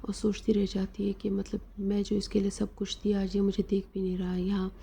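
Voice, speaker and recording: A woman narrating an episode recap of a drama, retelling the plot with fillers and pauses. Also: medium pitch, flat delivery, gravelly, dark tone, slight background noise.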